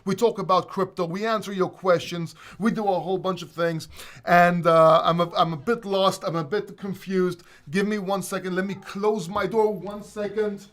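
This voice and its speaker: A man's voice: high-pitched, steady tone, moderate pace. A man from Greece hosting a casual live stream, chatty and rambling, a little winded. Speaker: host.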